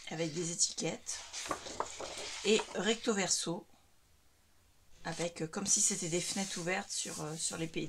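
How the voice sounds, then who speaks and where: A woman's voice: on the low side, a little hiss or hum. A woman in a casual crafting vlog, chatting at home as she shows craft items one by one, with many hesitations. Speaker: crafting vlogger. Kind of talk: casual product showcase. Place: home craft room lit by ceiling light.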